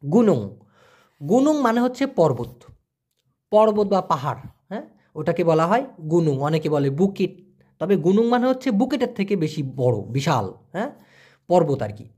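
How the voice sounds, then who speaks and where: A man's voice: fairly high pitch, big pitch swings, moderate pace, long pauses, mellow, husky. A man giving a casual vocabulary lesson, repeating each word and explaining it with everyday examples. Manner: colloquial, chatty. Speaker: language teacher.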